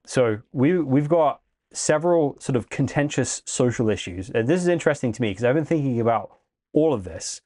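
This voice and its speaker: A man's voice: medium pitch, expressive, normal speed, a little mellow. A man hosting a podcast interview in a friendly, chatty way, sometimes stammering. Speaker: podcast host.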